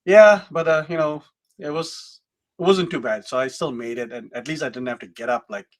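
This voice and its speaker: Male co-host, slightly high voice, chatty and giggly, on a video call. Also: normal speed. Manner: chatty, laughs a lot, many fillers. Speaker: podcast co-host. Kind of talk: casual chat.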